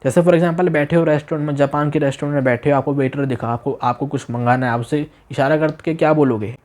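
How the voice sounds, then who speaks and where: A man teaching a beginner language demo class, repeating phrases slowly, asking the listener questions and exaggerating his tone to show meaning. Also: on the high side, fairly even intonation, a little mellow. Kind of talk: demo class lesson taught in Hindi.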